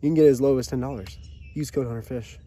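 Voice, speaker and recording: A young man hosting a fishing vlog from a small boat on a lake, chattering excitedly into an action camera. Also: mid-range voice, fast talker. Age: young adult. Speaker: fishing channel host. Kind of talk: casual outdoor fishing vlog. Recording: outdoor boat audio with faint noise.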